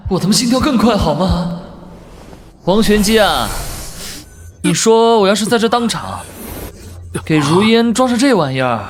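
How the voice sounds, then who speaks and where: A man voicing the brash, mocking male lead of an animated series, who swears under his breath. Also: high-pitched, moderate pace, pauses often, background noise. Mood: flustered. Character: cocky male ring spirit, brash and crude. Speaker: lead character.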